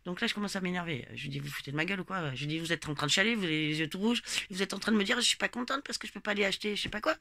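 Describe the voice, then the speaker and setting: A woman telling her listeners about a protest in a loose, rambling, animated way, swearing often and speaking to them directly. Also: lowish voice, racing, few pauses, no echo. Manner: animated, emphatic storytelling with frequent swearing. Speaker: gilet jaune protester recounting a march. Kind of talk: casual spoken personal account.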